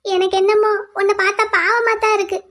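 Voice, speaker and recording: A woman voicing a defiant young wife held captive in a cartoon drama, who calmly pleads and reasons with her captor. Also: extremely high pitch, fairly quick. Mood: pleading. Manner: calm, pleading then lecturing at length.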